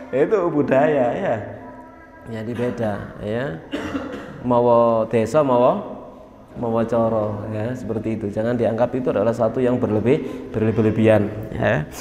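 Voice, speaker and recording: A man's voice: medium pitch, a little mellow. A man giving a chatty religious study talk in a mosque, often tagging his sentences with a questioning "ya". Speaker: religious teacher. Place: mosque hall. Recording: echoey mosque hall, faint noise.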